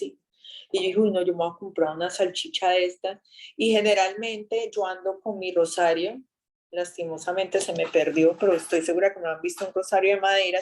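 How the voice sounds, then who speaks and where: A woman giving a casual faith talk, chatty and animated as she tells an anecdote. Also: medium pitch.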